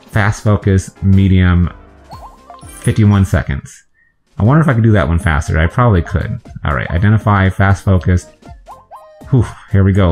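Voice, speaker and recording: This gameplay commentary comes from a man with a deep, slightly mellow voice who chats and thinks out loud as he works through a video game. Game music plays faintly behind him.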